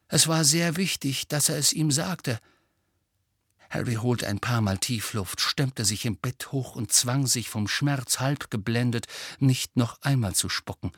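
A man's voice: medium pitch, breathy edge, dry recording. Guy narrating an audiobook, dramatic, very dry close sound. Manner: expressive, tension-building.

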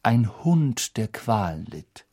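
A male audiobook narrator with a middle-pitched voice, reading with dramatic, expressive storytelling. He lifts and drops his delivery to follow the action. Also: unhurried.

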